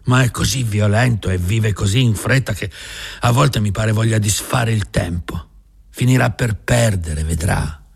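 A man's voice: on the low side, measured pace, gravelly, husky, full character voice. A man reading an audiobook voices a worried older ranch foreman who frets and sighs. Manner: worried, sighing.

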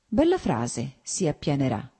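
A woman's voice: rumbling low, wildly swooping pitch, unhurried, dark tone, slightly rough, heavily acted. A woman doing a fretful, guilty husband. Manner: plaintive, fretful. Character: guilt-ridden, self-pitying husband who loves wit.

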